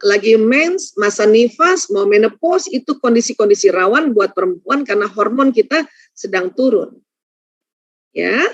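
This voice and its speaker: A middle-aged woman giving a religious parenting seminar, lively and acting out quoted voices of mothers and children. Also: high-pitched, dry recording. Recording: dull muffled dry recording.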